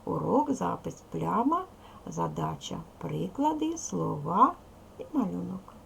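A woman's voice: on the low side, big pitch swings, slow pace, vocal fry, a bit bright, a little hiss or hum. A woman teaching second graders in a recorded video lesson, patiently spelling out sounds and syllables one by one. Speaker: primary school teacher.

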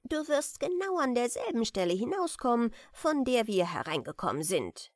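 Lady reading old merman guy, calm and friendly, swoops up and down a lot. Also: on the high side, normal speed, no echo, studio quality. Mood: genial. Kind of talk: storybook reading.

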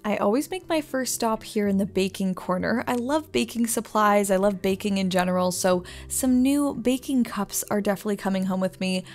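Young woman, mid-pitched, enthusiastic voice-over host with faint music underneath. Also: fairly quick, few pauses, a little mellow. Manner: upbeat, enthusiastic product commentary. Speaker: interior designer vlogger. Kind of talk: voice-over shopping narration.

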